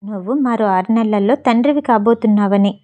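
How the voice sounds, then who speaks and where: A woman reading aloud, voicing a distraught young husband in a Telugu audio story with a low, subdued delivery. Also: brisk, mellow, natural voice. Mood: blunt.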